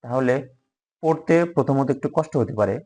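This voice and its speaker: A man teaching a Quran recitation lesson, patiently repeating each word slowly so that learners can follow along. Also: medium pitch, mellow. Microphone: microphone.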